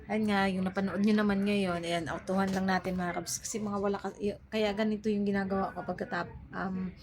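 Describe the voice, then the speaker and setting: A woman's voice: mid-range voice, flat delivery, a little fast. A woman vlogger talking casually to her viewers from home, rambling with lots of hesitations and filler words.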